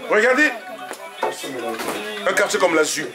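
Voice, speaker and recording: Rambling high-voiced man moderating. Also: big pitch swings, loud music behind the voice. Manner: rambling, halting, with fillers. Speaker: event moderator. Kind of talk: moderating a public meeting.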